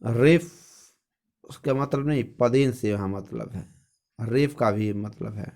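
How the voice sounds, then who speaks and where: A male teacher giving a grammar lesson, asking a question and answering it himself, and repeating each word slowly and carefully. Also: mid-range voice, darkish tone.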